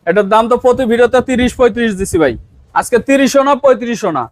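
High, rapid-fire Bangladeshi fridge seller. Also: male voice, no room sound. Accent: Bangladeshi Bengali. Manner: fast, insistent haggling patter with repeated stock phrases. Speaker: used fridge shop seller. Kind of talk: rapid sales pitch, counting prices down. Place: used fridge shop.

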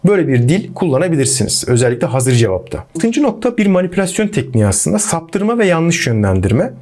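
A young man giving relationship advice in a lively monologue, speaking directly to his viewers as friends. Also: a little high, fast.

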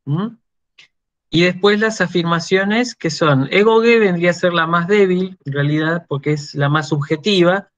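A middle-aged man speaks with an Argentine accent, lecturing at a deliberate, slow pace and often pausing to check that listeners follow. His voice sits a bit high for a man. The recording is dull and lo-fi, like an online class. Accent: Argentine Spanish. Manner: slow explanatory delivery with frequent "¿sí?" checks. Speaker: university lecturer.

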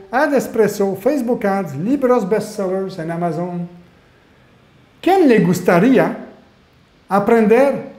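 High-voiced man with a Panamanian-Quebec accent. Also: a little mellow. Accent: Panamanian Spanish with a French-Canadian tinge. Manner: salesy, fires rhetorical questions at viewers, lists skills. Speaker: webinar host and online marketing mentor. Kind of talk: live sales webinar pitch. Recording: roomy echo.

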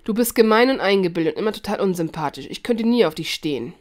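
A woman's voice: medium pitch, animated, quick pace, a little mellow, close to an everyday voice. A woman voicing a clever, proud teenage witch girl in a fan fiction audiobook reading, speaking firmly and indignantly. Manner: indignant, firm.

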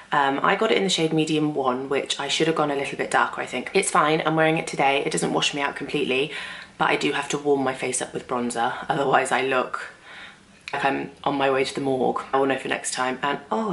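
A woman's voice: low-pitched, vocal fry, fairly bright tone, a little hiss or hum. A young woman chatting casually in a home vlog, rambling and self-deprecating. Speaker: vlogger.

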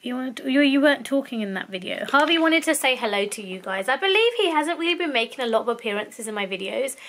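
A woman's voice: high voice, animated, fast talker, fairly bright tone. A woman in her thirties, feeling unwell with sore tonsils, chatting casually to a handheld camera in her bedroom, rambling between plans and minding her son. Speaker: vlogger. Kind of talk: casual vlog chat. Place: bedroom, indoors. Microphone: handheld camera at arm's length.

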